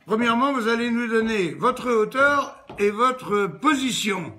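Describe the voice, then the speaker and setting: A man's voice: very high voice, animated, measured pace, bright, forceful tone, voice pushed up, exaggerated voice. A man doing a formal air traffic controller. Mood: official.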